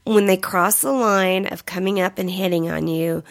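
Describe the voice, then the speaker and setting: Sick-sounding woman cohost, gravelly, blunt and jokey, dry close sound. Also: lowish voice, fairly even intonation, moderate pace, dry recording. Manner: laughs often, blunt and joking. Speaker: podcast co-host. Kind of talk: casual podcast chat.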